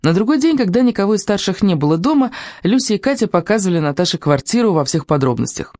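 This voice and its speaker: An audiobook narrator reading a children's story in a measured, storytelling manner. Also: mid-range voice, sing-song, a little mellow.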